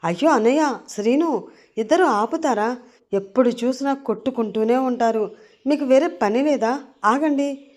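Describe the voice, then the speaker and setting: A woman voicing a fiery young sister, scolding loudly. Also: fairly high pitch, moderate pace, pitched above the performer's own voice, lightly acted. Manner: scolding, indignant, loud. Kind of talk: audio story reading.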